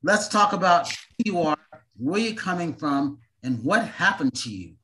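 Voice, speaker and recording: A man's voice: a little high, big pitch swings, normal speed, pushed and bright, low-quality recording. Upbeat male interview host. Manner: upbeat, repeats his questions. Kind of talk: interview hosting over video call. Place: waiting room.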